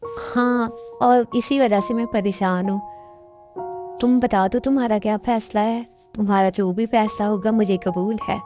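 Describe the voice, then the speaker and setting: A woman's voice: medium pitch, fairly even intonation, a little slow, dark tone, soft background music, natural voice. A woman voicing a worried middle-aged father and company owner in an amateur dub, talking in an anxious, pleading way.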